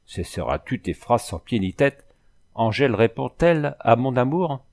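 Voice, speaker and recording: A man's voice: medium pitch, very animated, moderate pace, creaky, darkish tone. A man voicing an impatient, suspicious young lover asking blunt, exasperated questions.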